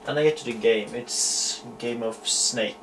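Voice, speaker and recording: A young Norwegian man with a Norwegian accent demonstrates a homemade electronics project from a small room at home. His mid-range voice stumbles along with lots of fillers and self-corrections, and the background is noisy.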